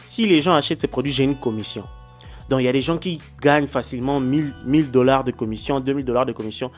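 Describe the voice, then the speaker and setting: Homme hésitant, musique douce derrière. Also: male voice, mid-range voice, quick pace, soft background music. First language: not English, stumbles on English words. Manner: hesitant, many fillers and restarts; addresses viewers directly, repeating "ok?". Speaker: YouTuber explaining social media monetization. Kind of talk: casual tutorial vlog with screen demo. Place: indoors, lives in China.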